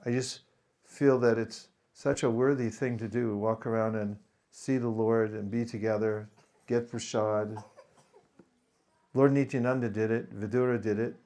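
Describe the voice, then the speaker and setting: A man giving a spiritual talk to a gathering, speaking slowly and deliberately and pausing for his translator. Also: on the low side, fairly even intonation, warm tone. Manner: slow, deliberate, leads group chanting. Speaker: visiting speaker.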